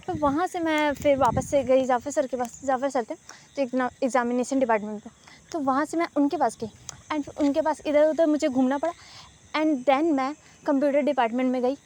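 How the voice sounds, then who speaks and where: A woman's voice: high-pitched, a little mellow. A young woman telling a sarcastic, ranting storytime vlog, dropping English words in. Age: young adult. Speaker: vlogger.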